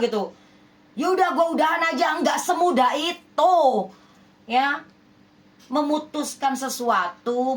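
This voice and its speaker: With a somewhat high, slightly bright voice, a woman healer gives a relationship reading to her viewers. She's emphatic and persuasive, scolding them and piling on rhetorical questions as part of her love readings.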